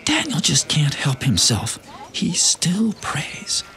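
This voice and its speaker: An actor playing a sly, flattering royal official in a theatrical Bible drama. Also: male voice, on the high side, measured pace. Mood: sly, gloating.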